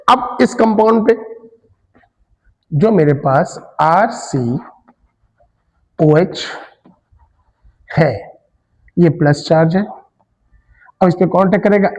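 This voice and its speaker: Guy teaching chemistry class, high voice, asks questions then answers himself, echoey hall. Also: darkish tone, dull audio. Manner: mixes Hindi with English terms. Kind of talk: classroom lecture.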